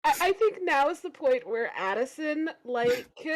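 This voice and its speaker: Woman player, high lively voice, slow hesitant narration. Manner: hesitant, many fillers. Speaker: tabletop role-play player. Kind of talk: casual role-play narration.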